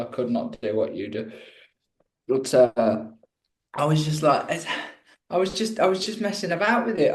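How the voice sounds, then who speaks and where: A chatty guest musician from Birmingham, England, tells his story in a casual interview, rambling and poking fun at himself. His voice is mid-range and a little mellow, and the sound is roomy and echoey.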